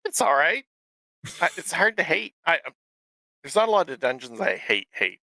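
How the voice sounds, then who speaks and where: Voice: medium pitch, very animated, normal speed, sharp tone, dry recording, rough recording. A co-host with a Canadian accent in upbeat, enthusiastic casual gaming chat. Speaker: podcast co-host.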